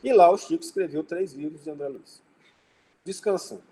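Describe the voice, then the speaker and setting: A man's voice: a little high, moderate pace, dark tone, a little hiss or hum, rough recording. A man with a Brazilian Portuguese accent gives an informal religious study talk, telling anecdotes and acting out dialogue. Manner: conversational, tells anecdotes and acts out dialogue. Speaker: spiritist lecturer.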